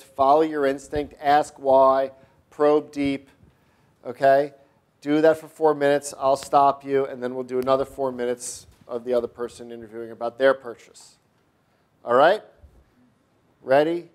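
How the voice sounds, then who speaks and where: A man leading a classroom workshop, giving quick instructions and prompting students with questions in a conversational way. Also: mid-range voice.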